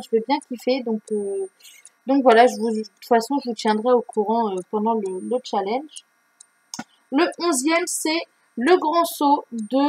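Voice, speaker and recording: A woman's voice: on the high side, darkish tone, rough recording. Chatty book vlogger woman. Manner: chatty, many fillers and restarts. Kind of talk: casual reading-list vlog.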